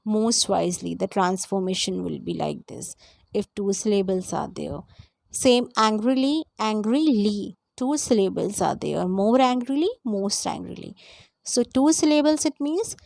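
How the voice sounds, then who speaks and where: A woman's voice: fairly high pitch, a little mellow, no room sound, clean studio sound. A woman explaining a grammar lesson, going step by step and repeating her points. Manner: lists examples slowly one by one. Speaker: English teacher.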